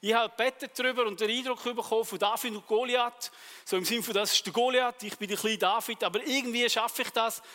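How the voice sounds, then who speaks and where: A man with a Swiss German accent preaching a sermon, telling personal stories and acting out the dialogue in a lively way. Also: very high-pitched, fast talker, long reverb tail.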